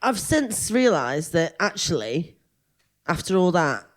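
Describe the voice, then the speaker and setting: A woman's voice: lowish voice, takes it slowly. A woman comedian chatting casually on a podcast, rambling and poking fun at herself. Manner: animated, rambling, self-mocking. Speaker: comedian guest.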